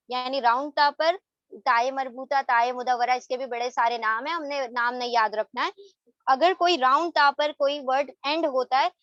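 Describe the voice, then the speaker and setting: A high-pitched woman walks students through an online Arabic grammar lesson. She explains each slide patiently, slips English terms into her sentences and keeps asking whether everyone follows. The recording is dull and dry. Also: fairly bright tone, dry recording. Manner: mixes English terms into her Urdu, checks in with "theek hai?".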